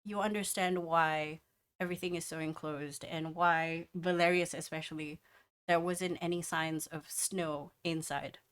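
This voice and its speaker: A woman running a tabletop game, narrating the scene in a relaxed, hesitant way with frequent fillers. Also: low-pitched, unhurried, clean tone. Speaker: game master.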